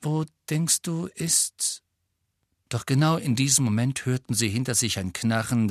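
A man narrating a storybook in a calm, measured way. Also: fairly low pitch, no room sound, clean studio sound. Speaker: audiobook reader.

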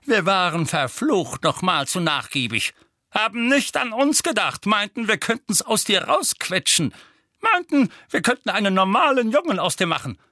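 Storybook bully uncle, purple-faced and yelling, high strained shouts, read by a man. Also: very animated, moderate pace, no room sound, clean studio sound, exaggerated voice. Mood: furious. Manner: bellowing, furious. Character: bullying, red-faced middle-aged uncle.

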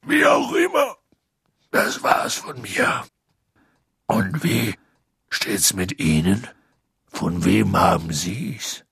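A man voicing a huge, gruff, lonely half-giant gamekeeper with a deep husky voice and slow, halting speech. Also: huge pitch swings, a bit bright, no echo, full character voice. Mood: pleading. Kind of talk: audiobook character voice.

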